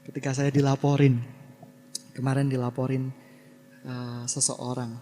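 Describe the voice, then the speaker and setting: A man's voice: mid-range voice, little pitch movement, measured pace, a little hiss or hum. Preaching man with a lilt. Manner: swings between loud exclamations and quiet asides. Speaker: pastor. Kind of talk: sermon. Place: church hall. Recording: long church-hall reverb.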